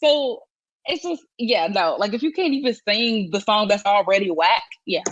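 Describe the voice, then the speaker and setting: A woman's voice: mid-range voice, lively intonation, normal speed, no echo. Woman co-host, casual chat, emphatic and opinionated, dry lo-fi sound. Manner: opinionated, emphatic, with frequent restarts. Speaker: podcast co-host.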